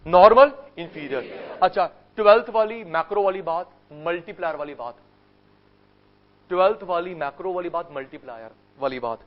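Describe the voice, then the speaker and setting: An Indian man teaches economics to a live class, high in pitch and insistent. He hammers terms through repetition and coaxes answers out of the students. The classroom recording is dull and muffled. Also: moderate pace. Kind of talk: classroom lecture with call-and-response drills.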